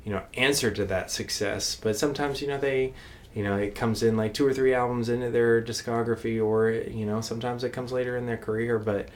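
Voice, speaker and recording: A man's voice: medium pitch, steady tone, a little fast, a little hiss or hum. A man co-hosting a podcast in casual chat, rambling with lots of fillers and restarts. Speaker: podcast co-host.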